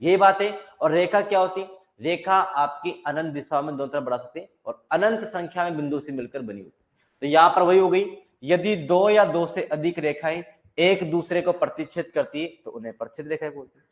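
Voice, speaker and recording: A man's voice: a little high, a little fast. Man teaching maths, step by step. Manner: explains step by step, repeating key points as questions to students. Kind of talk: classroom lecture.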